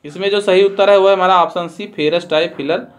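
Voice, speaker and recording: A man's voice: sits high, fairly even intonation, fairly quick. A man teaching a trade quiz, reading out each question and its options, then giving the answer with a careful explanation. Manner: methodical, repeats each answer with a Hindi explanation. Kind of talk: quiz-style lesson, reading questions aloud.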